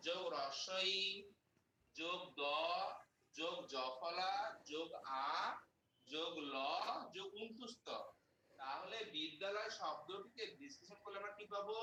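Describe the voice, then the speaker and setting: A male teacher leads a grammar lesson, breaking words apart into their sounds one by one. His voice sits high and bright. The recording is roomy, with the mic set some distance away and a faint hiss underneath. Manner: explains step by step, spells out sounds slowly. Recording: echoey room, mic far off, faint noise.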